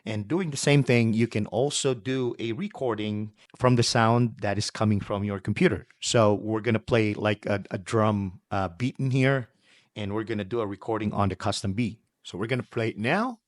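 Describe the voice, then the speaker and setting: Man reviewer, low voice, dry close sound, plain explaining. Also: fairly even intonation, normal speed, no echo. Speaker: product reviewer. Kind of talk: product demo.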